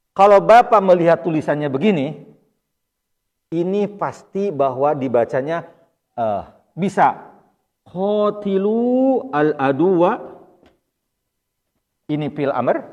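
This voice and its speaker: Sundanese-accented ustadz teaching in a mosque. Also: male voice, a little high. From Indonesia. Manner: explains patiently, often addressing listeners as "Pak". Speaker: Arabic grammar teacher (ustadz). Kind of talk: mosque study-circle lesson. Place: mosque hall. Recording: long reverb in a mosque hall.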